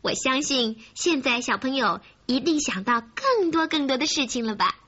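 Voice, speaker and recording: Bright, high-voiced woman telling children's stories. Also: moderate pace, breathy edge. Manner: addresses children directly, expressive, coaxing. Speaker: host of a children's story programme. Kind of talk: storytelling narration for young children. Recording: muffled recording with faint music.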